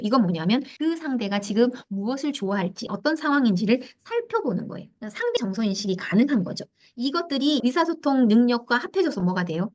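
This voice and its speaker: A woman giving a lecture on parenting, telling stories in an animated way and asking her listeners questions. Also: fairly high pitch. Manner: animated storytelling, acts out quotes and asks the audience questions. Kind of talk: lecture on emotional intelligence.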